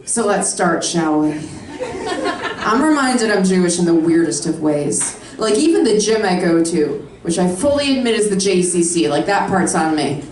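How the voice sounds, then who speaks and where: A woman's voice: medium pitch, recorded from a distance. A woman in her thirties performing a brash, sarcastic stand-up comedy set. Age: 30s. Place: comedy club stage with a live audience. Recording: echoey room, mic heard from afar, crowd laughter. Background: audience laughing.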